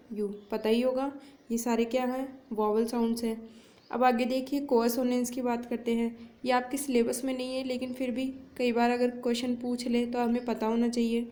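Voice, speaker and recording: Woman teacher with a dark, even voice. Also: fairly high pitch. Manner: explains in Hindi, reads English definitions slowly; asks questions and answers them herself. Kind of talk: exam-prep grammar lesson.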